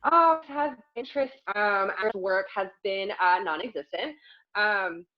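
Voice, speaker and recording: A woman's voice: medium pitch, a little slow. A woman chatting as a guest on a video call, hesitant with many ums and some laughs. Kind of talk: casual video-call chat. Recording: dull lo-fi call audio.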